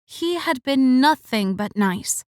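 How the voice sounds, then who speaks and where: A woman reads a first-person romance audiobook in a fairly high voice. Her delivery is expressive and wry. The recording is close and dry. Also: slow pace, no echo. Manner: expressive, wry inner monologue. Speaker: audiobook narrator.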